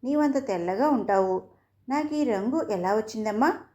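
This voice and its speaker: A woman voicing a troubled young man who talks quietly to his mother. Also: fairly high pitch, expressive, moderate pace, highs cut off, lightly acted. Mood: hurt. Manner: subdued.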